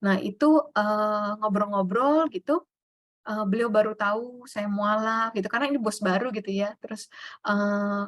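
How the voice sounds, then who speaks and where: A woman tells her own story in a relaxed, chatty way. She fills her sentences with small hesitations and soft laughs, at a middle pitch. The sound is dry and close, with no room around it. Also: moderate pace, no room sound. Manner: chatty, with many fillers and light laughs. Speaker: guest telling her conversion story. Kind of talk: casual personal storytelling.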